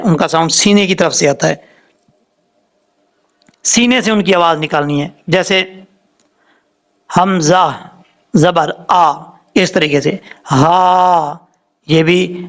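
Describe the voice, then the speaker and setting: A man with a Pakistani Urdu accent teaching Quran recitation, patiently explaining letter sounds and repeating words slowly. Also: high voice, fairly bright tone. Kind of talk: tajweed lesson with spelled-out recitation.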